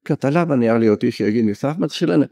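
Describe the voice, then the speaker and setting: A man's voice: mid-range voice, lively intonation, creaky, mellow, breathy edge, no echo. A man from Greece, a monk and spiritual elder, preaching a sermon and telling stories vividly, acting out the people he quotes. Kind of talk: spoken sermon.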